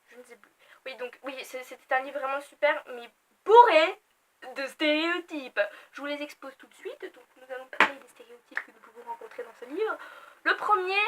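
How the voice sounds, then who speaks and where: A young French woman casually reviewing books she read, chatty and animated, with self-mocking asides and frequent fillers. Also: high-pitched, a little hiss or hum, poor audio. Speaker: book vlogger. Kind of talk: casual book review vlog.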